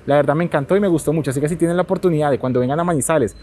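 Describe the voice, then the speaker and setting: A man's voice: fairly high pitch, very fast, darkish tone. A young man talking through a face mask, casually vlogging about a trip from Colombia and enthusiastically touring a restaurant and the city streets. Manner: enthusiastic, leans on filler phrases. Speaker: travel vlogger. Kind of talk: casual travel vlog. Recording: crowd noise around the speaker.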